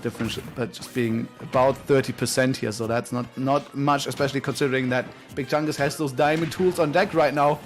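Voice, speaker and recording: A man delivers energetic play-by-play for an online fighting-game match. His voice sits at a middle pitch, and he fills gaps with quick fillers. Faint music runs underneath. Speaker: play-by-play commentator. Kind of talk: esports commentary.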